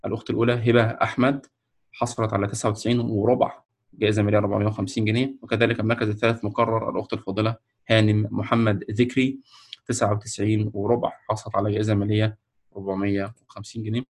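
This is a man with a lowish, level voice and an Egyptian Arabic accent, hosting a ceremony and announcing winners. He shares his screen on an online video call and talks slowly and hesitantly, with many fillers and restarts.

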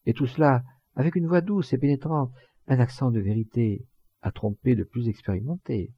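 A man voicing a heartbroken young German girl who reproaches her lover in a slow, soft-spoken reading. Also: fairly low pitch, breathy edge, no room sound, highs cut off.

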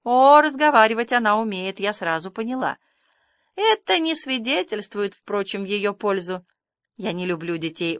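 Woman reading as a stern old farm lady, sharp and bossy, dry close sound. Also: medium pitch, no echo, lightly acted. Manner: sharp, scolding, decisive.

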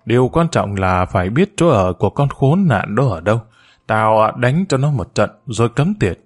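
A man's voice: on the low side, lively intonation, normal speed. A man voicing a grieving, jealous middle-aged mother who scolds with bitter resentment in a storybook reading. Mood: bitter, tearful.

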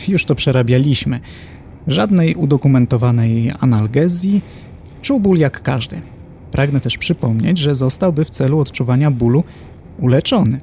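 A man's voice: mid-range voice, expressive, normal speed, dark tone, slight background noise, close to an everyday voice. A man voicing a stern, pedantic male professor who tortures the damned in hell, lecturing with precise indignation.

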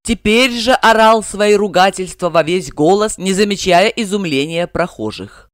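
A woman narrating an audiobook drama with a lively, dramatic reading style. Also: medium pitch, normal speed, dry recording, studio quality.

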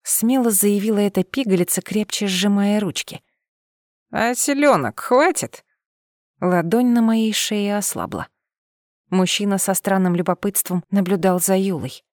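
A woman reading a first-person audiobook in a steady, expressive voice. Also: mid-range voice, normal speed, no echo, clean studio sound. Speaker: audiobook narrator.

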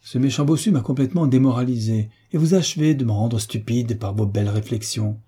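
An irritable aristocratic lady who has lost all patience, read by a man. Her voice is dark and husky, and her tone is clipped and exasperated. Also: mid-range voice, fairly quick. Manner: impatient, exasperated.

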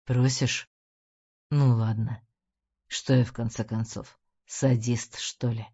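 A woman's voice: level tone, warm tone, slightly rough, full character voice. Woman voicing a sneering male crime boss. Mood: cold, satisfied. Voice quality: low, slow and sneering. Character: menacing middle-aged male crime boss, cruel and mocking. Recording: dull lo-fi recording.

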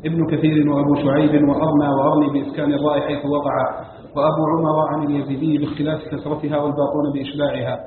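Male student reader, rapid and flat, on a tinny recording with hall reverb. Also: a little high, a crowd in the background. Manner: rattles off lists in a monotone. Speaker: student reading the text aloud. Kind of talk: rapid reading of a scholarly text.

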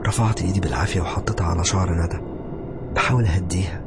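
A man with an Egyptian accent tells a first-person horror story quickly and conversationally. His low voice has a gravelly grain, with music playing behind. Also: fairly even intonation. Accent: Egyptian Arabic.

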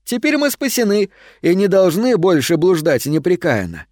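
A man's voice: high voice, big pitch swings, normal speed, darkish tone, dry recording, clean studio sound, pitched above the performer's own voice. A man voicing a chorus of radiant heavenly beings in a storybook reading, glad and uplifted. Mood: joyful. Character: joyful radiant heavenly beings, freed shadows. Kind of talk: audiobook storytelling.

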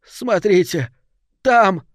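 A man's voice: a little high, unhurried, no echo, clean studio sound, lightly acted. A man voicing a terrified young woman at a seance, with choked, hysterical cries in a story reading.

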